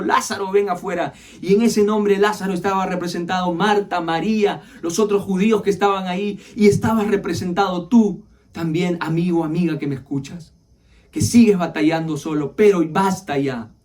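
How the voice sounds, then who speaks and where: Male pastor from Peru, high-pitched voice, fervent sermon delivery. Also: a little mellow. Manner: impassioned preaching, slowing to stress lines.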